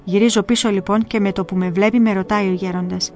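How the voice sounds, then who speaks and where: A woman narrating a first-person story in a calm, earnest storytelling manner. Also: mid-range voice. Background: faint music.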